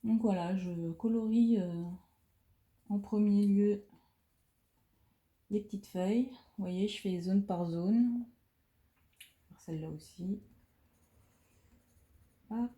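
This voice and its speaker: Soft-spoken hesitant woman, thirty. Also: mid-range voice. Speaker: coloring vlogger. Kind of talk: casual chat while coloring. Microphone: phone camera right beside her head. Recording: roomy echo.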